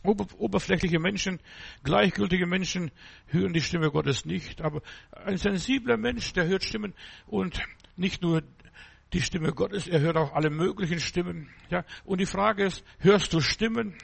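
A man preaching a sermon as a pastor, speaking slowly and emphatically and tagging his phrases with a short affirming "ja". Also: high voice, vocal fry, slightly rough. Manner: slow, emphatic, punctuates phrases with "ja".

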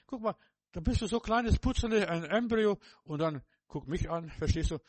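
A man's voice: high voice, expressive, moderate pace, a little mellow, no room sound. An older man preaching a sermon, fervent and repetitive, speaking straight to the listener with many restarts.

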